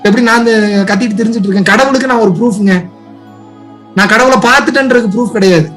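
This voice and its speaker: A man from India who is a spiritual teacher, giving an impassioned talk to an online audience, pleading and firing rhetorical questions, swinging from soft to loud. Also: very high voice, fast talker, faint music behind.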